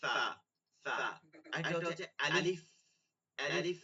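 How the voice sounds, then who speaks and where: A man teaching an online Quran class, slowly drilling and stretching out each Arabic letter sound. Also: fairly high pitch, bright, forceful tone, lo-fi sound. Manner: slow, drawn-out letter demonstrations with repeated drills.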